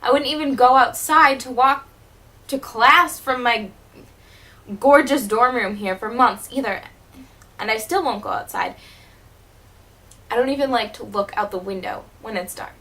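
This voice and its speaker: A woman playing a wounded, wry teenage girl who was once a child stage performer, delivering a dramatic monologue in a bitter, halting way. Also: on the high side, sharp tone, poor audio. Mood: hurt, bitter. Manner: bitter, hurt, halting with repeated words.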